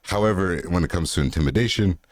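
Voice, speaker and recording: A young American man hosting a casual chat with his father, joking and animated. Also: deep voice, fast. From United States. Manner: animated, joking, mocks accents. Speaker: podcast host.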